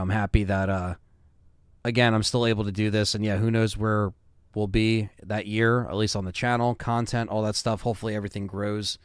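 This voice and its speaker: A man's voice: lowish voice, clear, resonant tone, no echo. A man in his thirties hosting a live stream, chatting casually and reading viewer comments with loose fillers. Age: 30s.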